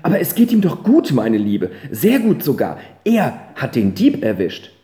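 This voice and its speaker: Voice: mid-range voice, wildly swooping pitch, unhurried, dark tone. A reader voicing a chatty, bustling baker's wife in an audiobook. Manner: bustling, gossipy. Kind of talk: audiobook character reading. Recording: roomy echo.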